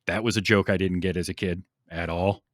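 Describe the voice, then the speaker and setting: Low-voiced man hosting a casual podcast. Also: fairly even intonation, fairly quick, no echo, studio quality. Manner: rambling, enthusiastic, many ums. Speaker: podcast host. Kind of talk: casual chat about a film.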